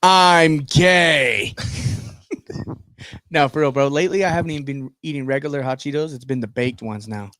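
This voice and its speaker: A man co-hosting a podcast in casual chat, crude and joking, often bursting into loud laughter. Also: a little high, normal speed, clean tone, no room sound. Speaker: podcast co-host.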